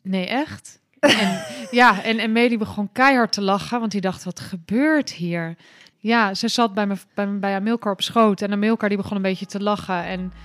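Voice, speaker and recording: A woman speaking as an interview guest and recounting her story in a relaxed, unscripted way. She pitches her voice at a middle height and keeps her delivery candid, stopping often to search for words. Her manner stays plain and open. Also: brisk, few pauses. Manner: hesitant, with frequent filler sounds and restarts; candid, laughs easily. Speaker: podcast guest. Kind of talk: casual personal storytelling in an interview.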